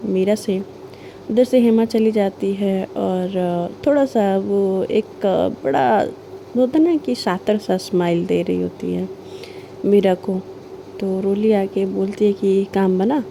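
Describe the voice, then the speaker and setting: In casual spoken storytelling, a woman chattily retells a serial love story, acting out scenes with quoted character dialogue and singing snatches of film songs. Her voice is medium-pitched, creaky, and warm, with slight background noise.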